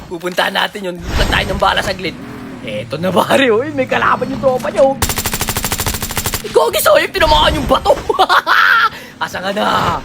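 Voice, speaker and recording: A young man giving casual, excitable commentary while playing a shooter game, swinging from low mutters to high squeals and shouts. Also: moderate pace, gravelly, background noise. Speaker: gaming streamer. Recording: game audio with gunfire behind.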